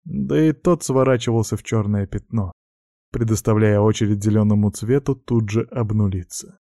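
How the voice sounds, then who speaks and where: Man, audiobook narrator, steady delivery, mellow low tone, dry close sound. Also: normal speed, dry recording. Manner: steady, even storytelling with dramatic sound words. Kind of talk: audiobook narration of fantasy fiction.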